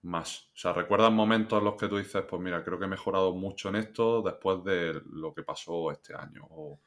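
Deep-voiced male interviewer. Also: normal speed. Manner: brief backchannels, rambling questions. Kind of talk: interview questions.

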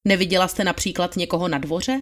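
A woman reads a dramatized trial testimony, taking the part of a methodical male attorney who questions a witness formally and probingly. Her voice is on the low side and pushed down, with a steady tone, yet still sounds natural.

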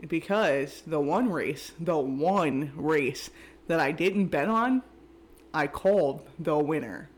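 A man's voice: a little high, slow pace. Rambling joking podcast co-host man. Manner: rambling, joking, swears freely. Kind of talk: casual chat.

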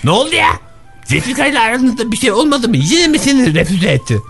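Guy voicing a cheeky little sidekick, gravelly, voice jumps all over, music playing behind. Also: very high voice, big pitch swings, quick pace, exaggerated voice. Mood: mocking. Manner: teasing, shouty cheerleading. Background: background music.

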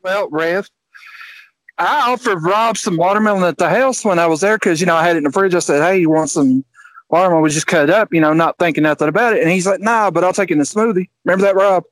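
A man's slightly high voice comes through a phone on speakerphone as he joins a casual podcast chat. He talks fast and loose, with slangy, offhand phrasing. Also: dry recording, low-quality recording. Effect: heard over a phone on speakerphone. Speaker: podcast co-host.

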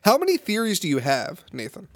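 A man co-hosting a podcast, quick to joke and laugh. His voice sits fairly high, and he tends to restart his sentences as he talks. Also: wildly swooping pitch. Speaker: podcast co-host. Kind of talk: casual chat.

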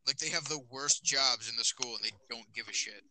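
A man's voice: mid-range voice, a little fast, bright, forceful tone, a little hiss or hum, rough recording. A teenage boy hosting a casual podcast with friends, rambling with lots of fillers, recorded on a phone. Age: teens. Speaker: podcast host. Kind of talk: casual chat.

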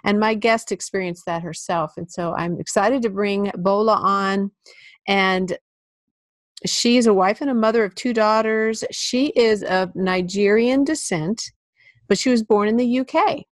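A woman's voice: mid-range voice, measured pace, no room sound. Earnest woman podcast host, dry close mic. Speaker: podcast host, life coach. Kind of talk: podcast hosting.

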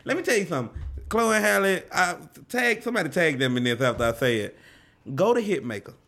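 A man co-hosting a casual chat show, joking and laughing loudly as he talks. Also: sits high, fast talker. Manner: animated, loud laughs, joking. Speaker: podcast co-host.

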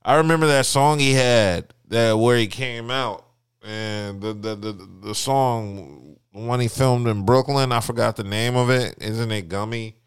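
A young adult man co-hosting a podcast in casual chat, telling stories in an animated, profane way. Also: medium pitch, a little slow, clean tone, no room sound, studio quality. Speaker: podcast co-host.

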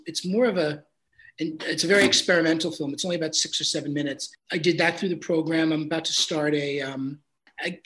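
A man who works as a film composer and sound designer talks earnestly and thoughtfully in a casual interview chat, repeating himself and restarting at times. His voice is on the high side with a fairly bright tone, and the recording is low quality.

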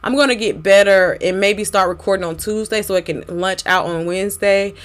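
A woman's voice: mid-range voice, brisk. A woman hosting a casual devotional podcast, speaking in an encouraging, exhorting way to her listeners. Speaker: podcast host.

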